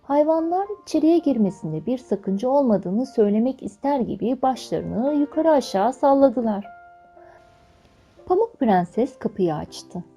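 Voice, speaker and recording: Animated young woman reading a fairy tale. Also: on the high side, a little slow, husky, soft background music. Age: 20s. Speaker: storyteller. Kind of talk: children's storybook narration.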